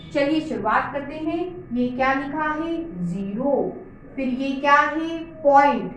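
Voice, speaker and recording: A woman teaching maths to children at a board, patient and asking her own questions aloud. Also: sits high. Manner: patient, calls pupils "beta", asks and answers her own questions. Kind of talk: whiteboard maths lesson for children. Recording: very echoey room, faint noise.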